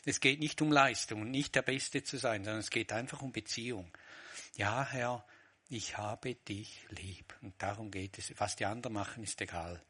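A man's voice: fairly low pitch, normal speed, bright, forceful tone, breathy edge. A man preaching a sermon, reflective, voicing short quoted lines with changing emphasis.

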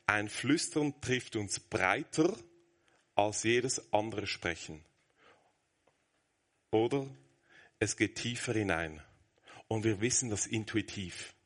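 Male preacher, 30s, lowish voice, earnest; brisk teaching that sinks to hushed tones. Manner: earnest, shifts from brisk explaining to soft near-whisper. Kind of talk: sermon.

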